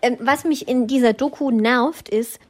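A young woman co-hosting a casual podcast, telling stories in animated quick bursts with frequent laughter. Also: a little high. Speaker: podcast co-host. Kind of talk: casual chat.

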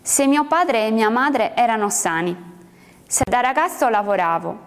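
A woman's voice: on the high side, expressive, moderate pace. A woman voicing a male prisoner who tells what happened to him, recorded with a long reverb. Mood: bemused. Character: male prisoner, surprised and a bit ashamed.

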